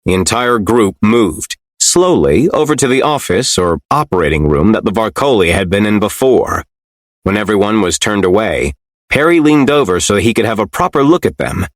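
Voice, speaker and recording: A man reads fiction aloud in a low voice, telling the story expressively with a lively, animated melody. The recording is dry and close, with no room echo. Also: moderate pace. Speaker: audiobook narrator. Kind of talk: scripted fiction narration.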